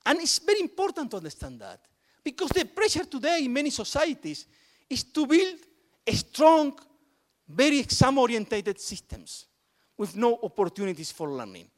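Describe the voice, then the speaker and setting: High-voiced man talking emphatically. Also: wildly swooping pitch, normal speed. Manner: emphatic, repeats words for stress. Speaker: education policy speaker. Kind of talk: panel talk on inclusive curricula.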